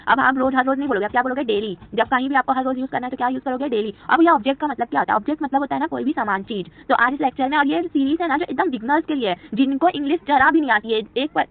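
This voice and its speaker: A woman with a Hindi accent teaching a beginner spoken English lesson. She keeps asking her own questions and answering them over and over. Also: sits high. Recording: tinny phone-like audio.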